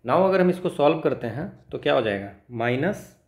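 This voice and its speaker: An animated man with a fairly high voice and an Indian accent talks at normal speed. As a maths tutor, he works through exam solutions one step at a time, repeats phrases, and checks comprehension with brief tags. The room sounds echoey.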